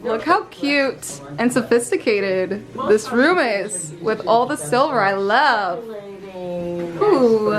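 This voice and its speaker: Chatty young woman vlogging at home. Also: a little high. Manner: chatty, relaxed, drifting into Spanish with her friend. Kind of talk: casual vlog chat. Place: friend's apartment. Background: background music.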